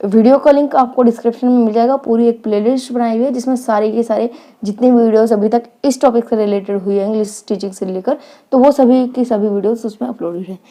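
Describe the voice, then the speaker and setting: A woman teaches an online lecture in a warm, mellow voice that sits a little high. She reads English phrases out slowly, then explains each one in turn. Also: steady tone.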